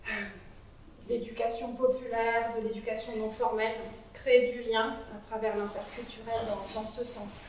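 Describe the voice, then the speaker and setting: A woman with a slightly high, darkish voice speaks conversationally as a psychologist to a small audience, saying "euh" frequently in an interactive conference talk. She is in a cool meeting room, away from the microphone. The very echoey recording is made from a distance and carries a little hiss or hum.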